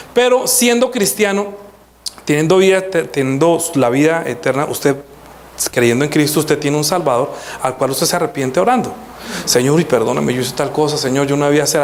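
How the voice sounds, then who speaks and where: A fairly high-voiced man, preaching to a congregation. He acts out quotes and checks in with questions. Faint noise sits under the recording. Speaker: pastor. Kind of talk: sermon.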